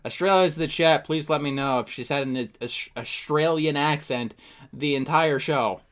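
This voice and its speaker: A man's voice: fairly high pitch, normal speed, a bit bright. A man casually reacting to a video on his stream, stammering, swearing and sounding incredulous.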